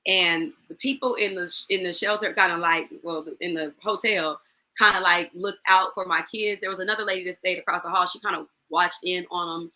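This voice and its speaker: A woman in her forties speaking as a guest, her tone bright and forceful. She tells her own story with feeling and acts out the lines of the people in it. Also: on the low side, steady tone, brisk, low-quality recording. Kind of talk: personal testimony in an online talk show.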